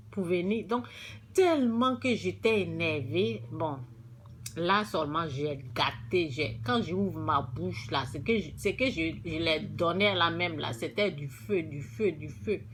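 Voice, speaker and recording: A woman's voice: mid-range voice, fairly bright tone, husky. Emphatic woman. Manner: emphatic and repetitive, often restarting phrases. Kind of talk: religious testimony to viewers.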